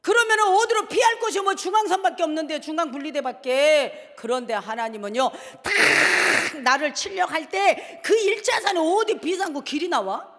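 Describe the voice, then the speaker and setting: Woman pastor, fiery sermon, high gravelly voice, long church echo. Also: lively intonation, moderate pace, hardly any pauses. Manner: shouts often, prods the congregation with "예?". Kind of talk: impassioned sermon. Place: large church sanctuary. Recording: echoey hall reverb.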